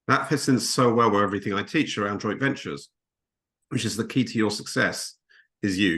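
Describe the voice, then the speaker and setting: A man's voice: lowish voice, fairly quick, fairly bright tone. A man hosting a podcast, affirming his guest with enthusiasm. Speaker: podcast host. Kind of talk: interview.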